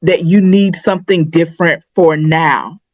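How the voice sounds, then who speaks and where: A woman's voice: lowish voice, normal speed, darkish tone, no room sound. A middle-aged woman co-hosting a podcast, chatting candidly and personally, thinking aloud with restarts. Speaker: podcast co-host. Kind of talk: candid conversational chat. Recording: dry, slightly dull podcast audio.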